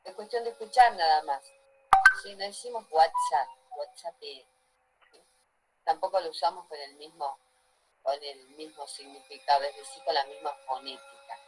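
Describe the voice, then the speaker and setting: A woman's voice: low voice, moderate pace, a little mellow, faint music behind, rough recording. A woman teaching a class, lecturing and often asking the students if they follow. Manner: asks the class frequent check-in questions.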